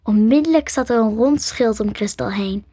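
Softly whispering storybook narrator, a woman. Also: on the high side, moderate pace, slightly rough, no room sound, studio quality. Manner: soft, half-whispered narration. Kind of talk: storybook reading.

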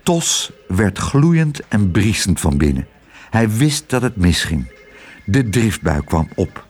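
Man, storybook narration, very lively intonation, expressive reading. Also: lowish voice, slow pace, husky, soft background music. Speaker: audiobook reader.

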